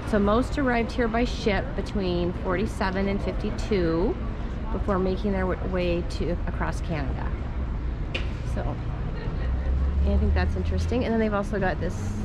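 A middle-aged woman gives upbeat, chatty walking-tour commentary as a travel vlogger, outdoors on a city waterfront with a camera held at arm's length. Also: mid-range voice. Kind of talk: casual walking-tour narration. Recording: loud street noise outdoors.

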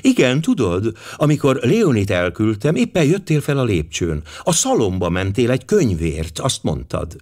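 A man's voice: mid-range voice, huge pitch swings, hardly any pauses, darkish tone. A man voicing a nervous young English noblewoman who speaks hesitantly. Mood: flustered. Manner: hesitant, flustered.

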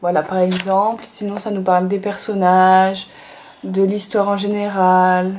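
In a sunny room of her home, a young woman casually presents her manga haul, her chat full of small fillers and repeated "donc voilà." Her mid-range voice is darkish and shows little pitch movement, and she talks a little slowly.

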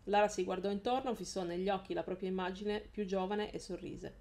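A woman's voice: mid-range voice, fairly even intonation, brisk, darkish tone. A woman hosting a live stream, reading a novel aloud in a casual way, often correcting herself and laughing.

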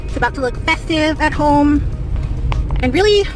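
A woman's voice: high voice, lively intonation, moderate pace, low-quality recording. A woman in her thirties from the Philippines, chatting casually in a rambling vlog with fillers and restarts, talking to the camera from her car and then at home. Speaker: vlogger. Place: car at night, then small room at home. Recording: loud music bed under the voice.

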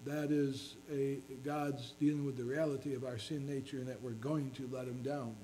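A man's voice: medium pitch, fairly even intonation, moderate pace, mellow, a little hiss or hum, poor audio. A man preaching a sermon as pastor, earnestly reading scripture in King James wording.

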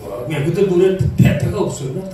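Older male emcee in a booming hall. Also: sing-song, warm tone, soft background music. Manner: teasing, asks quick short questions. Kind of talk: onstage interview chat. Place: theater stage. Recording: echoey hall, mic from a distance.

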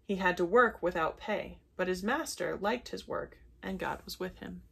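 A woman reading a children's Bible story aloud at bedtime, gentle and unhurried, with brief self-corrections. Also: fairly low pitch, vocal fry, a little hiss or hum.

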